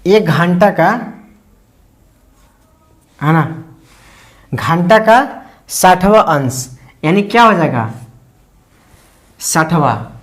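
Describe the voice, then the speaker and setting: Teacher walking thru a lesson, keeps asking "ok?" and answering it, slow and repetitive, middle pitch. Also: animated. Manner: quizzing tone, constantly asks "ठीक है ना?" and answers own questions; slow, repetitive step-by-step explanation. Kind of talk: explaining English lesson to students.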